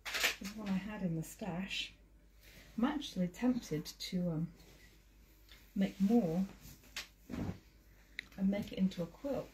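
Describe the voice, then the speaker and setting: A woman's voice: mid-range voice, takes it slowly, long pauses. A woman hosting a quilting livestream, chatting casually while she sews and greeting viewers. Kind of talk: casual chat while sewing. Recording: noisy home livestream audio.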